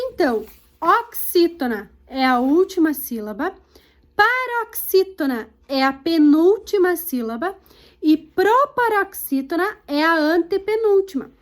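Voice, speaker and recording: A woman teacher with a Brazilian Portuguese accent, giving a recorded lesson to young children and stretching each word out syllable by syllable. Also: very high-pitched. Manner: slow, drawn-out words spelled out syllable by syllable for children.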